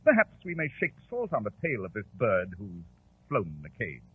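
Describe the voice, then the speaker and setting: An actor playing Sherlock Holmes, a confident, brilliant London detective, in clipped, precise British tones, in 1940s radio drama style. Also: male voice, fairly low pitch, huge pitch swings, moderate pace, very noisy. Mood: brisk, assured. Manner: clipped, precise, theatrical, self-assured. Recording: muffled, tinny old 1940s radio recording.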